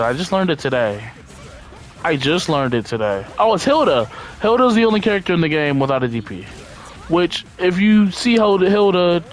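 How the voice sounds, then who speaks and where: A man giving casual gameplay commentary in a laid-back, slangy, profane way, rambling and thinking out loud as he plays. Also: fairly high pitch. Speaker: game streamer.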